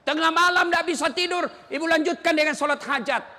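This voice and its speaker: A man giving a humorous, lively Islamic sermon, joking and sometimes shouting to his audience. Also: extremely high pitch, a little fast, big-room sound.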